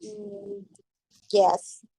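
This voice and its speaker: A woman's voice: extremely slow, dark tone, rough recording. A woman learning English, speaking hesitantly and repeating words as she gropes for phrases. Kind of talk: practicing English aloud in a lesson.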